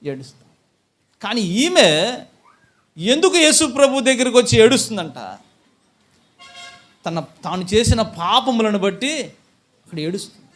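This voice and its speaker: A man preaching a sermon as pastor, putting questions to his congregation and answering them himself, and building to loud emphatic peaks. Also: very high-pitched, sing-song, measured pace, long pauses.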